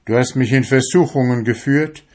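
A man's voice: medium pitch, moderate pace, pitched above the performer's own voice, close to an everyday voice. A man voicing an anguished, defiant young fisherman in a storybook reading, crying out and accusing. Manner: cries out, pleading and accusing.

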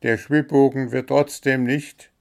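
Gruff grumbling gnome, played by a male narrator, storybook reading. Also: medium pitch, level tone, a little slow, a little mellow, pitched above the performer's own voice. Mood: indignant.

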